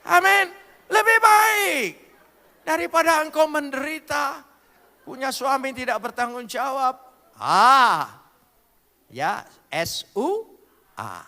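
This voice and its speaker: Animated man preaching in a hall. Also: very high-pitched, slow, long pauses. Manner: playful preaching with jokes and wordplay, addressing the congregation. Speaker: pastor. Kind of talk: sermon. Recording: long hall reverb.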